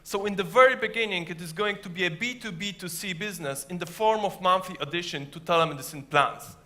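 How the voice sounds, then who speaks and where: Man, high-pitched, bright forceful tone, rehearsed founder pitch. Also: fast talker. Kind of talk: rehearsed competitive startup pitch.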